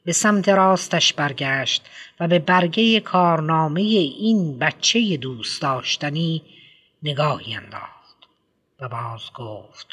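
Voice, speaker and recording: A man's voice: fairly high pitch, lively intonation, pushed and bright, husky. Man narrating a literary audiobook.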